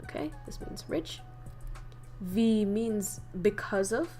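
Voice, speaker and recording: A young woman from northern Vietnam, with a Vietnamese accent, casually livestreams an idiom lesson against soft background music. She speaks slowly in a mellow, medium-pitched voice with lively intonation, chatting away, laughing often and reading the chat aloud.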